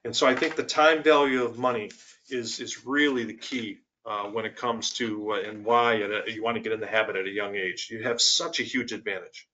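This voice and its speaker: Man, financial guest, bright forceful tone, emphatic worked examples, dull lo-fi webinar audio. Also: on the low side, steady tone, brisk, slight background noise. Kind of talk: webinar explanation.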